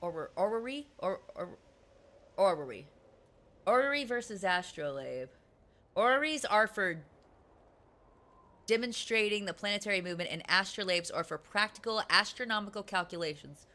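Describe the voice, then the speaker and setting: A woman streamer chats casually with her live audience, giggling and laughing often. Her bright voice swings widely and lively in pitch. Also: normal speed, pauses often. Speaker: game streamer.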